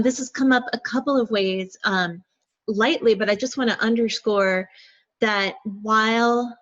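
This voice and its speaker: A woman moderating a panel discussion, speaking in a thoughtful, measured way with frequent pauses and fillers. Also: fairly high pitch, fairly bright tone, dry recording. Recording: dull lo-fi dry sound.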